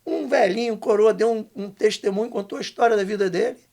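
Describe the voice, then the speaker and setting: An older man, a podcast guest telling a testimony story, emphatic and slangy, going hushed when quoting others. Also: high-pitched, quick pace. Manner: emphatic, slangy, dips to a hushed voice for quoted lines.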